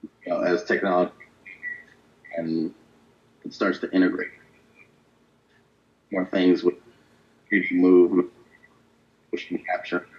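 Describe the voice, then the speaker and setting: A man's voice: low voice, little pitch movement, takes it slowly, long pauses. A man on a fighting-game panel talking over an online call that breaks up and cuts out, rambling and trailing off as he restarts his thoughts. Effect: choppy call audio that breaks up and cuts out. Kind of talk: casual panel discussion. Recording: dull lo-fi online call line.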